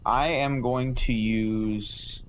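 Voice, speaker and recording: A man's voice: mid-range voice, steady tone, drawn-out words. A man chatting casually as a player in a tabletop game, hesitant and self-deprecating. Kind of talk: casual chat at a gaming session. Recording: slightly dull, noisy lo-fi audio.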